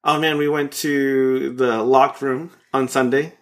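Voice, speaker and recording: A man's voice: medium pitch, flat delivery, slow pace. A man in his thirties co-hosting a podcast, chatting casually and rambling playfully with many restarts. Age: 30s. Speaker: podcast co-host. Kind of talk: casual chat.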